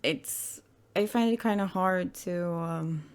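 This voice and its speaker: A woman with a croaky, hoarse throat today talks through her gaming channel in a casual, rambling way, pausing often and correcting herself. Her voice is on the low side, and she takes it slowly.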